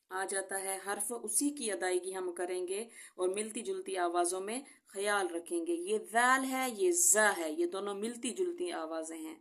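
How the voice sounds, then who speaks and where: A woman teaching a Quran recitation lesson. She explains each sound patiently, then recites the words slowly and clearly. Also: medium pitch.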